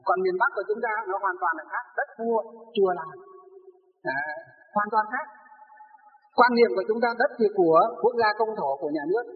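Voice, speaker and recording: A man's voice: high-pitched, brisk. A man with a Northern Vietnamese accent, a Buddhist monk telling a rambling, anecdotal story in a conversational sermon. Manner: rambling, anecdotal, tags phrases with "đấy". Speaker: Buddhist monk giving a dharma talk. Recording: tinny phone-like audio, long hall reverb, faint music.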